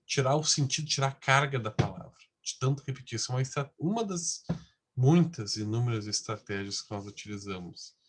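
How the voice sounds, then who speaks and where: A man's voice: medium pitch, expressive, brisk, breathy edge. A man giving a class lecture in a conversational way, often tagging his sentences with questions. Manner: conversational, frequent tag questions.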